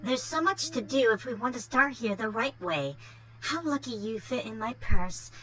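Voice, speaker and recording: A woman's voice: fairly high pitch, expressive, moderate pace, sharp tone, poor audio. A woman voicing a young, vain rich girl in a game, with a bubbly, snobby sorority-girl manner and a Valley Girl accent. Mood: smug. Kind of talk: game character dialogue read.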